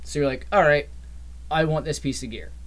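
A man with a slightly high, fairly bright voice talks a little fast while co-hosting a podcast. In this casual gaming chat he loosely rambles about game patch changes, often trailing off.

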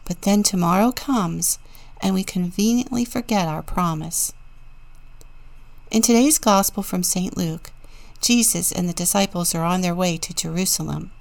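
A woman deacon giving a children's sermon and reading a storybook in a gentle, deliberate way. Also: lowish voice, gravelly.

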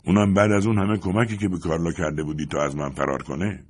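A man with a low-pitched, fairly even voice reads a story, performing a smug, mocking male neighbor who taunts with a sneer. It's an audiobook character voice with a taunting mood.

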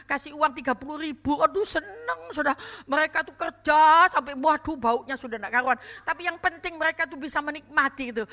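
High, bright-voiced older woman preaching. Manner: lively, animated anecdotes with exclamations and laughter. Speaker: pastor. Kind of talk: storytelling sermon.

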